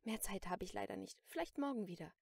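A woman reading an audiobook, voicing an adult saleswoman in an art gallery who speaks in a brisk, matter-of-fact way. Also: mid-range voice, animated, creaky, a little mellow, husky, dry recording. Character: adult female gallery saleswoman, cool then frightened.

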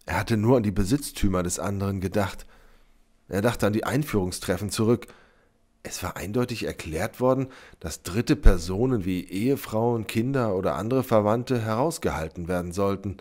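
A man narrating a story in a calm, even reading voice. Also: fairly low pitch, moderate pace. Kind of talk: scripted narration.

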